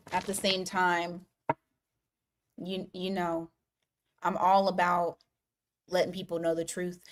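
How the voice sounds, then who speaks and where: A woman giving live tarot readings, talking casually to viewers, laughing often and circling back on her words. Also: on the low side. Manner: chatty, laughs often, restarts and fillers. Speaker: tarot reader.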